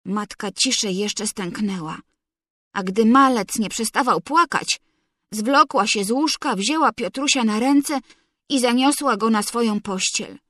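Slow, measured woman storyteller. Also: a little high, bright, forceful tone, no room sound, clean studio sound. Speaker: audiobook reader. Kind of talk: literary narration.

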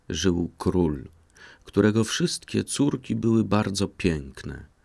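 A man reads a fairy tale audiobook in slow, measured scripted narration. His voice is very low and gravelly, with plenty of fry. It is recorded close and completely dry. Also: darkish tone, no room sound.

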